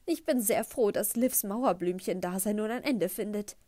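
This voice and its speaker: A woman voicing a gushing, tactless middle-aged mother who talks loudly and effusively. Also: medium pitch, moderate pace, no room sound, natural voice. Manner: loud, effusive, embarrassing chatter.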